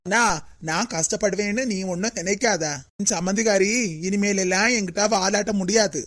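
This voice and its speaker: A voice actor with a Kanyakumari Tamil accent voicing a calm, reassuring older-sister character in an animated comedy. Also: mid-range voice, normal speed, no echo, clean studio sound.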